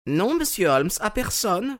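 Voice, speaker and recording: A woman's voice: mid-range voice, very animated, a little slow, no echo, studio quality. A woman voicing an earnest, troubled widow telling her story in an audio drama.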